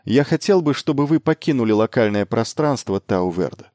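A man reading an audiobook voices a young male mercenary lord who talks briskly, commanding and ironic. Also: mid-range voice, animated, a little mellow, no echo, clean studio sound, lightly acted. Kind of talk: audiobook character voice.

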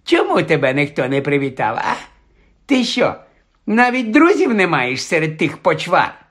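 A man's voice: medium pitch, wildly swooping pitch, fairly quick, a bit bright, exaggerated voice. A man voicing a spoiled, bullying plump boy with a taunting, whiny sing-song manner in an audiobook. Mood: mocking. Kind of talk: audiobook character voice.

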